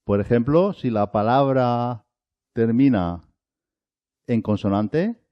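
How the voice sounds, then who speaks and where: A man teaching a Spanish lesson, drilling single words one at a time with long pauses between them. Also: medium pitch, animated, no echo. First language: Arabic. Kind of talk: slow, deliberate language lesson. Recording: dull, lo-fi dry recording.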